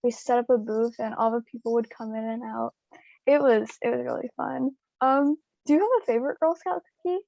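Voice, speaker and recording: A woman's voice: fairly high pitch, fairly even intonation, brisk, vocal fry, dark tone, no echo, muffled recording. A young woman conducting an informal interview in a hesitant, casual way, with many filler "likes".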